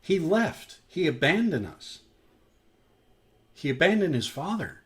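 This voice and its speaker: A man's voice: on the high side, very animated, measured pace, pitched above the performer's own voice. A man voicing a resentful older brother who complains with self-righteous indignation. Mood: indignant.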